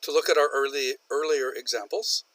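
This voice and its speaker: A man's voice: mid-range voice, steady tone, a little fast, a bit bright, dry recording, low-quality recording. A man lecturing a university business English class, patiently repeating and stressing example sentences. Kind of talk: recorded online lecture.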